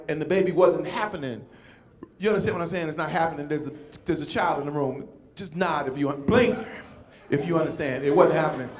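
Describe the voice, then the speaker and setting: Performing stand-up at a comedy club in front of a live audience, a man in his fifties tells stories with animation and impersonates voices. The voice sits high and the space is reverberant.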